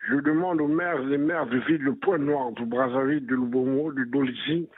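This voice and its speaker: A man's voice: mid-range voice, steady tone, brisk, husky, no echo. A man leaving an earnest voicemail message as a caller to a radio call-in show, appealing to officials over a phone line. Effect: phone line message on an answering machine.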